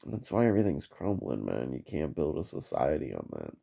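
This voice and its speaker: A man's voice: a bass voice, huge pitch swings, a little fast, vocal fry, warm tone. A man giving a rambling, profane solo vlog monologue, trailing off on tangents and tagging "man" onto his sentences. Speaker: vlogger.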